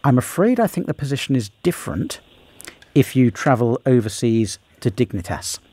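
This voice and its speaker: A man hosting a radio legal phone-in, giving a caller careful, sympathetic advice in a halting way. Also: medium pitch, lively intonation, mellow, slightly rough. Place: radio studio.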